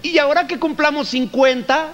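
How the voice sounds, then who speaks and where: A man's voice: extremely high pitch, moderate pace, fairly bright tone, in a large hall, muffled recording, pitched above the performer's own voice. A man doing a cooing wife. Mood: delighted. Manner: cooing, pleading. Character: sugary, coaxing Mexican wife.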